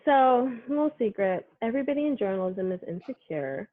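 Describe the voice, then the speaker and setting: Brisk and a little high-voiced, a Brooklyn sportswoman reporter talks chattily and animatedly in an interview, peppering her speech with "like" and "you know." The recording is dry, with narrow, tinny audio.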